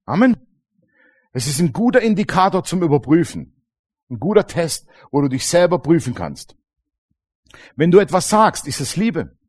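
A man preaching a sermon to a congregation, lively and colloquial, acting out little dialogues and often calling out "Amen". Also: fairly high pitch, normal speed, long pauses, husky. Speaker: pastor. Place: church congregation.

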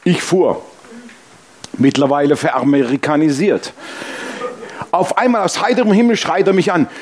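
A middle-aged man from Germany preaching a sermon and telling lively personal anecdotes. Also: on the high side, normal speed. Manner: animated storytelling, mimics honking and quarrels. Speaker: pastor.

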